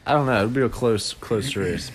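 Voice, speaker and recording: A young man co-hosts a podcast, chatting easygoingly, laughing often, and using lots of fillers. His voice is medium-pitched at a moderate pace, with a little hiss or hum in the recording.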